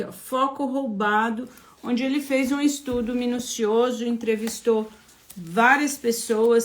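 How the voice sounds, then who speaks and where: A Brazilian woman with a São Paulo accent, a therapist hosting a casual live stream, greeting viewers by name in a chatty way. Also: fairly high pitch. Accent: São Paulo Portuguese.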